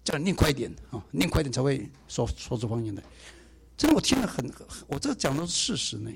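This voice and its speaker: A man preaching a sermon in a conversational way, swinging between emphatic points and soft, quiet asides. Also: mid-range voice, huge pitch swings, fast, gravelly.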